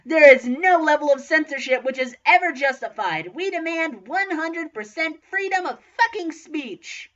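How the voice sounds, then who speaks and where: A woman's voice: high voice, animated, moderate pace, hardly any pauses, a bit bright. A woman voicing an indignant teenage boy wizard who rants and swears, recorded lo-fi. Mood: ranting. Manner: ranting, profane, indignant. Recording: lo-fi, dull sound.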